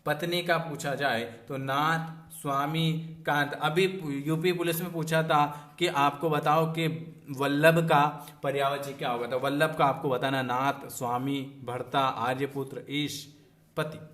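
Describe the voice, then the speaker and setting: A man teaching an exam prep lesson, repeating words and spelling them out slowly. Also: fairly high pitch, flat delivery, fairly bright tone.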